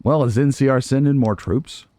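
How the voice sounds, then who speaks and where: A let's player muses and pokes fun at himself while casually commenting on a video game. His mid-range voice is warm and moderately paced, and the recording is dry.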